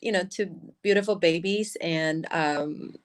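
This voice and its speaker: A brand founder is a guest in a casual video-call interview, heard through a laptop webcam. She has a low voice and speaks English as a second language with a Mandarin accent, talking in halting bursts and often restarting and correcting herself.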